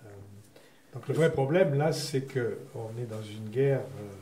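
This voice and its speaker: A man's voice: mid-range voice, takes it slowly, warm tone. A man giving unscripted analysis as a speaker at a panel discussion. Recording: echoey room.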